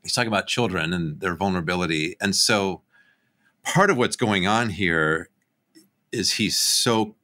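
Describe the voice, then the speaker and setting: Low-voiced man explaining a passage. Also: moderate pace, sharp tone. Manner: explanatory, building a point steadily. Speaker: podcast co-host, biblical studies professor. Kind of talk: casual theological discussion. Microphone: webcam on a video call.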